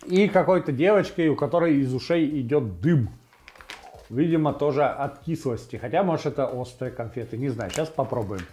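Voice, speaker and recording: A man in his forties hosting a casual tasting video in a home kitchen on a clip-on mic, thinking aloud in a halting way. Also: medium pitch, lively intonation, a little mellow, slight background noise. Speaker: host of a food tasting video. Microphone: lavalier clipped to T-shirt.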